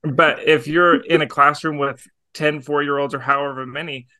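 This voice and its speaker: A man co-hosting a podcast in a bright, somewhat high voice. He talks through ideas thoughtfully, stopping to rephrase, in a dry, close sound. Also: fairly even intonation, moderate pace, no room sound. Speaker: podcast co-host. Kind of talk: casual chat.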